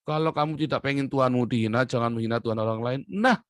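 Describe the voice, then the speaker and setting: A man talking straight to his viewers in a heated monologue. His voice sits at an ordinary middle pitch and jumps from loud, pushed outbursts down to low mutters. The sound is close and dry, with no room around it. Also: quick pace, no echo. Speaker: online commentator.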